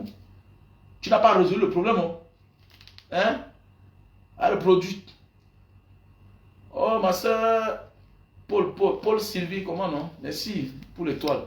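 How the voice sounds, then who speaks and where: Live-stream pastor man, rambling, repetitive, heated, far from the mic. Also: a little high. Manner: rambling, repetitive, greets viewers by name, grows heated. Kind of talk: casual live-stream chat. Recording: echoey room, voice off-mic.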